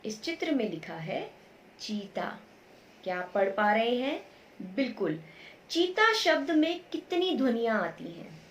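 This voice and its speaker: Brief: female primary teacher, patient and slow, bright sing-song questions, stretches each sound for little learners. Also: a little high, big pitch swings, a little hiss or hum. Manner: slow, patient, asks questions and answers them herself; stretches sounds out to model pronunciation. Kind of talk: recorded online lesson for young children.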